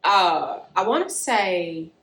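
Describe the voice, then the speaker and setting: A woman's voice: on the low side, animated, takes it slowly, vocal fry, a bit bright. A woman co-hosting a podcast, recapping a book's plot in a casual, slangy storytelling way. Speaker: podcast co-host. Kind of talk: casual book review chat. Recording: echoey room.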